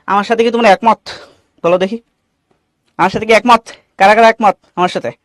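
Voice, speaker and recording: Man, Bangladeshi Bengali accent, online class teacher, high voice, dry close sound, quizzes students. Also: steady tone, a little fast, no echo. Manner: asks questions and reads out student names; mixes English phrases into Bengali teaching. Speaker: English teacher.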